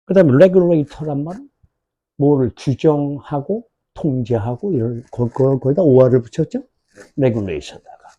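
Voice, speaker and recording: A man with a Korean accent teaching English for an exam prep lecture, asking questions and drawing out English words slowly. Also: medium pitch, mellow, breathy edge.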